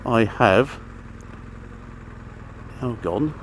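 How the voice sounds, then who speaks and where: This motorcycle vlogger has a mid-range voice and an animated delivery, drawing out his words as he chats casually about gear while riding. It's a rambling, matter-of-fact talk picked up by a helmet mic amid engine, traffic and outdoor noise.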